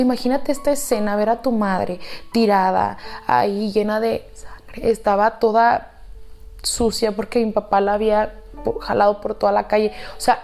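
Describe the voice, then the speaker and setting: A woman with a Mexican Spanish accent narrates a storytime in a confiding, dramatic tone, speaking to the listener like a close friend. Her voice sits at an ordinary middle pitch, with soft music faintly underneath. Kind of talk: storytime narration over slime video.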